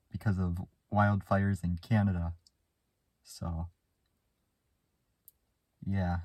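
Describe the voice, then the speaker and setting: Out looking for rocks in a yard and rock field, or inside his parked van, a young vlogger gives easygoing, straightforward commentary. His voice is lowish and dark, and the phone at arm's length yields a dry recording.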